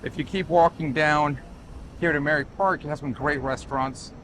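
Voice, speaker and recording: Outdoors amid passing traffic, a man from Chile who built the property leads a casual, emphatic tour at a moderate pace. His voice sits on the high side with fairly even intonation, and he keeps restarting and repeating phrases on the street and at the building site.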